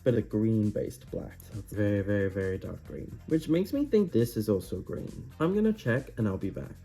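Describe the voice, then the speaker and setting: A man's voice: medium pitch, darkish tone. A man with a campy, wry manner, chatting through a makeup tutorial with playful asides. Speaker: makeup reviewer and drag queen.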